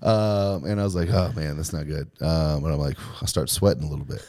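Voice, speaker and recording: A man's voice: rumbling low, fairly even intonation, a little fast, dark tone, slight background noise. A man co-hosting a podcast, telling a rambling story in casual chat, full of fillers and laughing as he goes. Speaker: podcast co-host.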